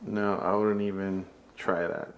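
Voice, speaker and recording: A man vlogging casually, joking and chatting to viewers about cooking outside and warming up by the fire. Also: lowish voice, little pitch movement, a little slow, highs cut off, slight background noise. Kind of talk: casual vlog chat. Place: cabin deck and indoors by a fire, in the cold.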